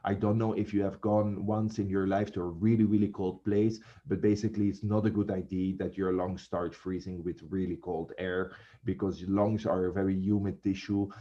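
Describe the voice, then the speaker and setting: Chatty teacher guy, lowish voice, muffled lo-fi sound. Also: little pitch movement, moderate pace, dark tone. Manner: chatty, addresses students as guys. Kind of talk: classroom lecture.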